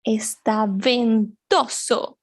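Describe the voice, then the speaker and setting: A woman with a high voice leads a cheerful lesson for beginners. She speaks very slowly and stretches key words, with playful exclamations and sound effects. The sound is dry and close to the mic. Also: no room sound. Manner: animated, exaggerated, slow repetitions with sound effects. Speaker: Spanish teacher. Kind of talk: children's language lesson.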